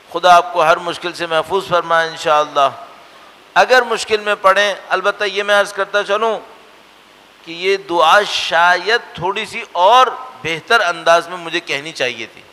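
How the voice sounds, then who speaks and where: Earnest preacher, bright voice in a hall. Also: male voice, sits high, normal speed. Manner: earnest, rhetorical questions, swings between emphatic and hushed. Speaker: religious lecturer. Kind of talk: religious lecture. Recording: long hall reverb.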